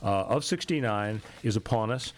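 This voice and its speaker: In a radio studio, a middle-aged American talk show host comments on news and history in a conversational way, speaking at a normal speed in a lowish voice into a close microphone.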